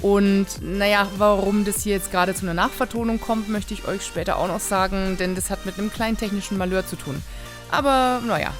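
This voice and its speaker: A woman from the Nuremberg area in Germany introduces herself as a motorcycle vlogger in a measured, explanatory scripted voice-over, addressing viewers directly. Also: medium pitch, music in the background. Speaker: motorcycle vlogger, novice rider.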